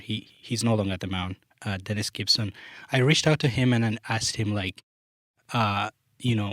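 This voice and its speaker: In a dry, studio-quality recording, a young software developer from Uganda who speaks Luganda chats casually as a podcast guest. His voice is lowish, and his relaxed talk is full of fillers like "like" and "you know."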